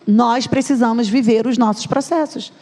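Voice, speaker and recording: A woman's voice: a little high, steady tone, moderate pace, mellow. A Brazilian woman in her thirties, a psychologist giving a chatty conference talk in a church and speaking straight to the audience. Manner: chatty, addresses the audience directly. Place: church hall. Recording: long reverb of a church hall.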